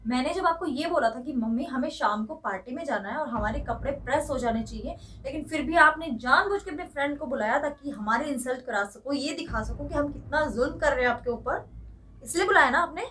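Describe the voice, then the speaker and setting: A woman's voice: high-pitched, animated, a little fast, far from the mic, slight background noise. Young woman playing a bossy city bride. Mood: angry. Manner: demanding, sharp. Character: rude young city daughter-in-law, bossy. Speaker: daughter-in-law. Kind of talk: comedy skit acting.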